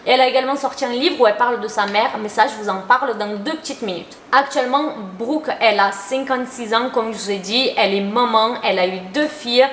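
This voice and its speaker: A woman's voice: fairly high pitch, quick pace, few pauses, a little hiss or hum. A young adult woman giving casual, chatty commentary to her viewers, opinionated and full of slang. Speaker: YouTuber. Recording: roomy echo.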